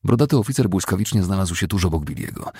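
A man narrating an audiobook with a very deep, gravelly and husky voice, reading in a steady, measured way. The recording is dry and close to the mic. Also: no room sound.

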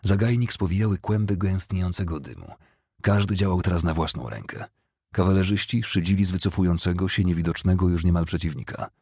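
Male audiobook narrator, deep voice, husky, gravelly, dry close sound, measured storytelling. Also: a little mellow, no echo. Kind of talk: scripted novel narration.

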